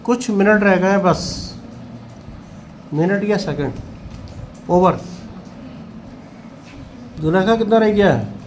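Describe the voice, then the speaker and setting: A man teaching in a classroom, calmly coaxing students during a test and calling them by name. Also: sits high, takes it slowly, long pauses, slight background noise.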